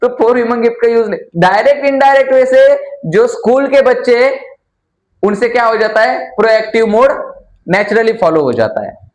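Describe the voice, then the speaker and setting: A man's voice: very high-pitched, lively intonation, moderate pace, echoey room. A man teaching a class in a chatty lecture style, quizzing his students and letting them finish his sentences. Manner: chatty, calls listeners "yaar".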